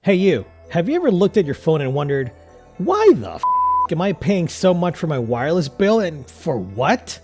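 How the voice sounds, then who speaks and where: A man voicing a mysterious disembodied male voice that speaks out of nowhere and delivers a pushy, teasing sales pitch. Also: very animated, normal speed, a little mellow, soft background music. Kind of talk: scripted ad read.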